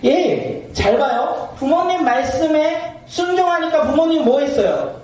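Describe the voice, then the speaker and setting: A man with a very high-pitched, expressive, slightly mellow voice preaches a little slowly in a church sanctuary, heard from a distance in the echoey hall. As pastor, he questions the congregation and waits for replies, acting out everyday scenes with laughter.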